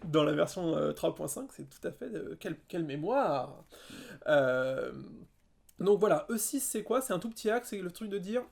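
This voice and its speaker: A man with a gravelly edge to his voice talks casually on a podcast about tabletop games. He is enthusiastic and playful, tossing in quick jokes and asides. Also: high-pitched, animated. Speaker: podcast co-host.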